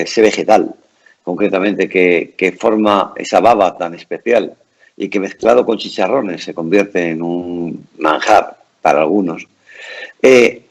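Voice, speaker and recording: A man's voice: deep voice, gravelly, poor audio. A man hosting a conversational interview in a courteous, formal and wordy way. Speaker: interview host.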